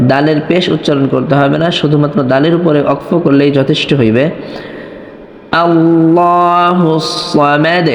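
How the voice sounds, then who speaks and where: Male Quran tutor, brisk explanations, slow chanted verses; long reverb, roomy sound. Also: a little high, darkish tone. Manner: explains quickly, then chants Arabic verses slowly in long melodic lines. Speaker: Quran recitation teacher. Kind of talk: tajweed lesson with chanted recitation.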